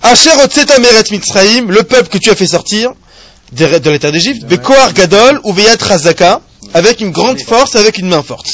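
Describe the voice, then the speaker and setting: Husky high-voiced man teaching a Torah class. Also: normal speed. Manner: animated, asks rhetorical questions, jokes with students. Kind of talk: live Torah class lecture. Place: classroom with a small audience.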